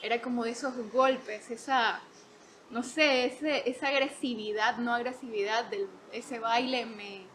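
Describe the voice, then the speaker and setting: A woman in her twenties, a podcast guest, telling stories in an animated way, laughing often and acting out quotes. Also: a little high, measured pace, slight background noise. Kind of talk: casual storytelling.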